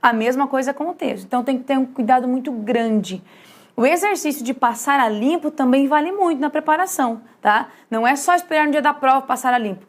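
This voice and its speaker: A woman teaching a writing lesson in a lively way, often checking in with her students. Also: sits high, fairly quick. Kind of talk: classroom lesson at a whiteboard.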